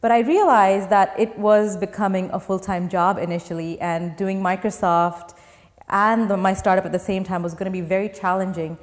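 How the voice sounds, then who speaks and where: A young startup founder from Dubai answers interview questions, explaining her plans step by step with patience and earnestness. Her voice is at an ordinary middle pitch with fairly even intonation and a moderate pace, and a long reverb trails each phrase.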